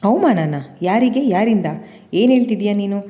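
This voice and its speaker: A woman's voice: lowish voice, a little fast, dark tone, lo-fi sound, lightly acted. A woman doing a stern older village head. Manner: curt and commanding. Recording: long reverb.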